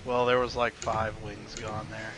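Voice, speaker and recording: A young man chatting casually and laughing often with teammates while sim racing, with excited callouts. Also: fairly low pitch, a little slow. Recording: noisy game audio behind voice chat.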